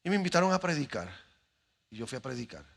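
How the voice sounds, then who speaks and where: A man's voice: medium pitch, big pitch swings, fast talker, gravelly. A middle-aged man, preaching as a pastor and telling a story with dramatic pacing. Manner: dramatic, acts out voices in his stories. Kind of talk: sermon with storytelling. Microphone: handheld microphone. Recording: faint music behind the voice.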